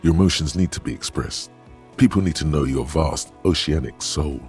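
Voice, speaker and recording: A man's voice: extremely low pitch, normal speed, darkish tone, faint music behind. A man voicing a brooding male inner voice that narrates a detective's thoughts, solemn and theatrical, from a video game.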